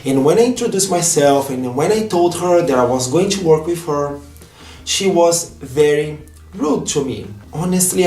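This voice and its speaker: Recorded in a roomy space, this vlogger talks about his own life in a sincere, heartfelt way, his voice pitched on the high side with a darkish tone. He's a native Portuguese speaker with a Brazilian accent, and his English phrasing is a little non-native.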